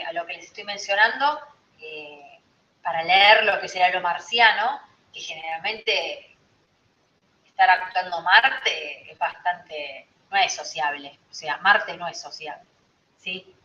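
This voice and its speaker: A woman's voice: fairly low pitch, pushed and bright. A woman with a Rioplatense Spanish accent gives an informal astrology lesson, talking conversationally and often checking in with her listeners. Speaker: astrology teacher. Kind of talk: informal teaching talk to a group. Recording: roomy, slightly dull recording.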